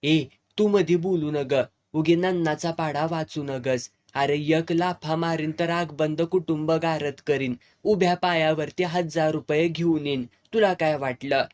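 A man's voice: on the high side, fairly even intonation, measured pace, few pauses, darkish tone, lightly acted. Man doing a fiery young village woman. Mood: defiant.

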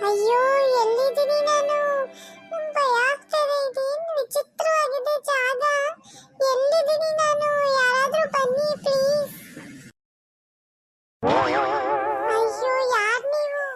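Squeaky, very high little cartoon boy, done by a voice actor, whiny and cheeky, music underneath. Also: fairly even intonation, moderate pace, sharp tone. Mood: scared, whiny. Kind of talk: cartoon voice acting. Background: background music.

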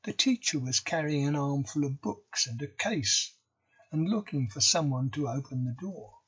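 A man reading a novel chapter aloud for English learners, slow and deliberate. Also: fairly high pitch, lively intonation, a bit bright, slightly rough, muffled recording. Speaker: audiobook reader.

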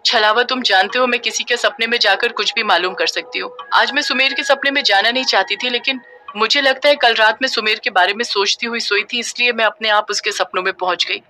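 Brief: anxious young dream-walker in a horror audio drama, voiced by the narrator. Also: female voice, a little high, brisk, sharp tone, faint music behind. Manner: anxious, urgent. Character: worried young woman with dream powers.

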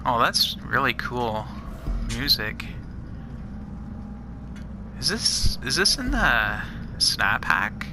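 This gamer has a medium-pitched voice with big swings in pitch, drawn-out words and long pauses, and there's background noise. Playing a custom map in a shooter, he keeps up casual commentary, muttering laid-back reactions to every find.

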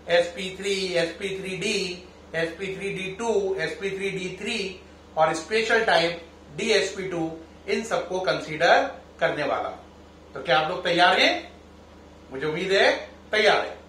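A man's voice: sits high, pushed and bright, slight background noise. A middle-aged man teaching chemistry to students, calling them children and quizzing them as he goes. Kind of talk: classroom lecture. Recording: echoey room, mic at a distance.

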